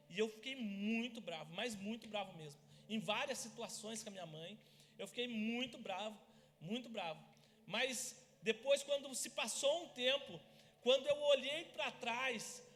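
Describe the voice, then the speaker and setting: Male pastor, lively storyteller; very high, bright voice in a reverberant church hall. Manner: lively storytelling, acts out family scenes. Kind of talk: sermon with personal stories.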